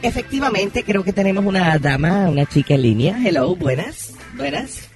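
Susi, a brassy gossiping hostess. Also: male voice, high-pitched, sing-song, moderate pace. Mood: gossipy. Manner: chatty, theatrical, exclaims often. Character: brassy gossiping woman advice-segment hostess. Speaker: advice segment host character. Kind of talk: comedy radio sketch. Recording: music playing behind.

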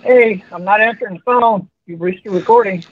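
A man's recorded voicemail greeting, heard over a phone speaker, brisk and matter-of-fact. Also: high-pitched. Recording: muffled phone speaker, faint hiss.

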